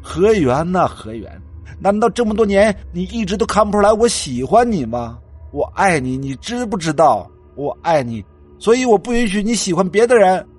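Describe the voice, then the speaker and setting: A man voicing a jealous, obsessive young man in a spoken ghost story, shouting in a raised voice. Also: big pitch swings, brisk, slightly rough, soft background music. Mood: bitter, obsessed. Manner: shouting, raised pitch, laughing madly.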